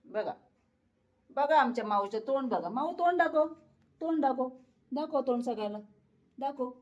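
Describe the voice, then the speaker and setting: A woman's voice: high-pitched, expressive, moderate pace, darkish tone, dull audio. A woman, chatting to viewers and coaxing her cat at home, laughing often. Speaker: pet vlogger. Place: home, at a door to the terrace.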